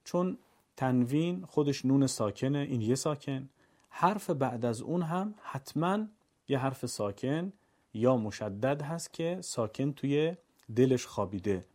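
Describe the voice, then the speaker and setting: Man, recitation teacher, patient step-by-step explanation, mid-pitched voice, chanted examples. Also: animated, dark tone. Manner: explains slowly, then recites examples in drawn-out melodic chant. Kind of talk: instructional explanation.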